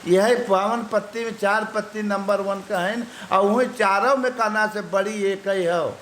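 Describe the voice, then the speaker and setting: A man's voice: high-pitched, steady tone, unhurried, a bit bright. A man with an eastern Uttar Pradesh Hindi accent giving a folksy devotional sermon as a spiritual teacher, full of proverbs and homely examples. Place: ashram gathering. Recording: echoey room with faint hiss.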